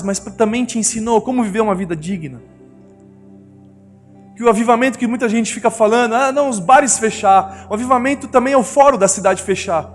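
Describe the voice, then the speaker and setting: A middle-aged man with a Brazilian Portuguese accent, preaching a sermon and telling family stories, acting out the voices of his wife and children. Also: sits high. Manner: storytelling, acts out family voices. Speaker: pastor. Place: church hall. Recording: long reverb of a church hall with music.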